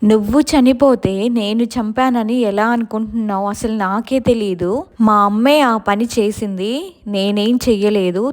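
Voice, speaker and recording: A woman's voice: on the high side, darkish tone, close to an everyday voice. A woman voicing a remorseful middle-aged widowed husband, pleading and defensive.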